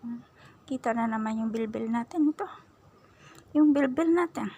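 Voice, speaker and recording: Breathy woman cooing at her cat. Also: fairly high pitch, moderate pace, dark tone. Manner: doting, cooing, mixes Tagalog and English. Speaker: cat owner talking to her pet. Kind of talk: casual baby talk to a pet. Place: outdoors at home after sweeping.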